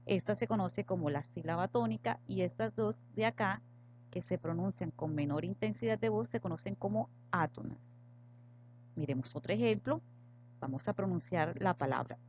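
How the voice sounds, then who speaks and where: A woman teacher giving a recorded grammar lesson, patiently spelling out example words slowly and with stress. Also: mid-range voice, darkish tone. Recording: slightly dull lo-fi audio with faint hum.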